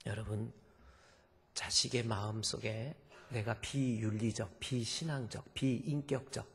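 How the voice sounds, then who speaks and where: A male pastor preaching a sermon, acting out quoted voices dramatically and swinging between shouts and hushed whispers. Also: lowish voice, steady tone, a little slow, husky, long reverb tail. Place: church sanctuary.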